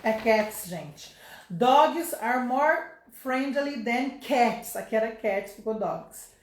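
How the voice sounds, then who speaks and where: A woman's voice: on the high side, lively intonation, slow pace, reverberant. A middle-aged woman teaching an English lesson, explaining patiently step by step and checking in with her viewers.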